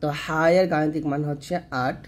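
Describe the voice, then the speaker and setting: A man teaching Quran reading, explaining step by step how to pronounce letters and stretching each sound out slowly to demonstrate. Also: fairly high pitch, level tone. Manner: patient, explanatory. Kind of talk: step-by-step pronunciation lesson.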